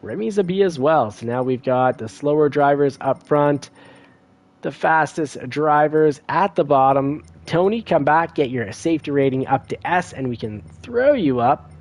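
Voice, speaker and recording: A man giving casual commentary while playing a racing game, chatty and thinking aloud, getting excitable when he crashes. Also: a little high, measured pace. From Canada. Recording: audible car game noise behind voice. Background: racing game car sounds.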